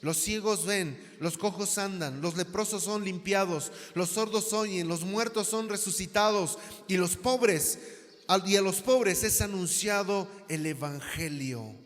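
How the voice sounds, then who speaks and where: A man's voice: sits high, a little slow, faint music behind. A man with a Mexican accent, a pastor preaching a sermon, asking the congregation rhetorical questions. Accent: Mexican Spanish. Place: church hall. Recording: long reverb of a church hall.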